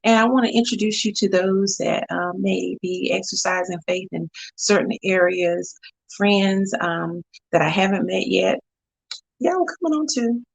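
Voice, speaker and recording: A woman hosting a casual live-stream chat about her week, chatty and animated, talking straight to her viewers. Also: medium pitch, a little slow, vocal fry, dry recording, rough recording. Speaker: host of a faith talk show.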